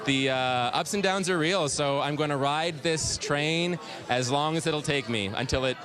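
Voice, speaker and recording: A man's voice: a little high, normal speed. Casual man with a crowd behind. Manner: casual, with fillers and restarts. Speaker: stage actor. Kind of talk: news interview.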